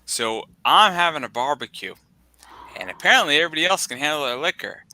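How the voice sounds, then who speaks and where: Young guy, bright tense voice, dry close mic, swears a lot, rambly storyteller. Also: on the high side, sing-song, fast talker, no room sound, rough recording. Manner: profane, rambling storyteller with many likes. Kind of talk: casual chat, storytelling.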